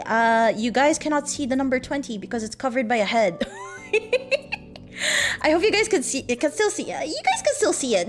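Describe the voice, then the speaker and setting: A young woman with a Filipino accent, casually teaching a language lesson on a livestream, giggling and rambling with lots of fillers. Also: high voice. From Philippines.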